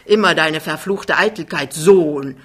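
A woman's voice: low voice, measured pace, exaggerated voice. A woman voicing a big, cheerful man who talks his way out of everything, in an audiobook reading. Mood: breezy denial. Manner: breezy, loud, smooth-talking. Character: big cheerful male giant, glib charmer.

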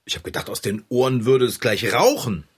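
Einen empörten, lebhaften jungen Kerl. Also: male voice, fairly quick, slightly rough. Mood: indignant. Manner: animated, theatrical storytelling with big pitch jumps.

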